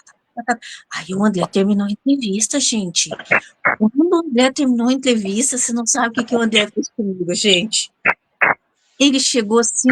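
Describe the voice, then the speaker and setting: A woman hosting a show, telling a story to her audience in a dramatic, animated way and often turning to speak to them directly. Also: high voice, no echo. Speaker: show host and interviewer.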